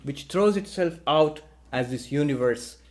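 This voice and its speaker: Man, middle-aged, spiritual storyteller, animated dialogue, fairly high voice. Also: measured pace. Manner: lively storyteller, acts out dialogue with rising pitch. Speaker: monk giving a talk.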